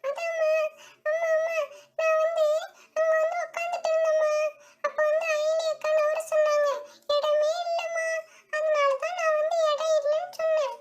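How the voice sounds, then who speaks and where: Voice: extremely high pitch, monotone, moderate pace. A female performer voicing a little younger sister doll who whines and cries tearfully in a doll story play. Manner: whiny, tearful, complaining. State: crying.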